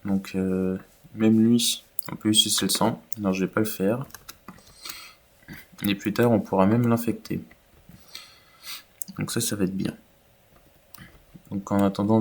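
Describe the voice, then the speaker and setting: Low-voiced man narrating gameplay. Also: a little slow, pauses often. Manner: relaxed, rambling, many fillers. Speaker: gaming YouTuber. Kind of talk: casual gameplay commentary.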